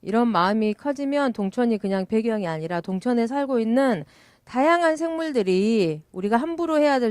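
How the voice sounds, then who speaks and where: Middle-aged woman, smooth voice, dry close sound, reflective event speech with fillers. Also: mid-range voice, dry recording. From South Korea. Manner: warm and reflective, with many "uh" fillers. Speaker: village education researcher.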